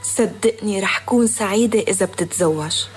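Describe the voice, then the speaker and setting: Old radio drama, woman playing a young daughter, earnest, gentle, mid pitch, music underneath. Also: fairly quick, close to an everyday voice.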